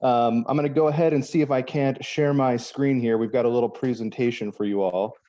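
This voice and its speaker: Mellow-voiced male attorney presenting. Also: medium pitch, fairly even intonation, highs cut off. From Miami, Florida. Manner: quick, explanatory, many fillers. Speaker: attorney, panel speaker. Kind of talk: conference presentation.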